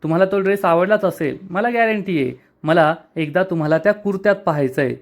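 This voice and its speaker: A stubborn, cheeky young taxi rider who keeps haggling and teasing, as a man retells him. The voice sits high for a man. The dialogue is read out as part of a serial episode recap. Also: fast.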